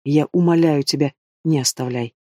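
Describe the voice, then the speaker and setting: A man's voice: fairly high pitch, moderate pace, a little mellow, no echo, studio quality, lightly acted. A man voicing a desperate, fierce young dragon-shifter in an audiobook, speaking urgently. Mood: pleading. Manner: urgent, whispering then roaring. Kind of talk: audiobook reading.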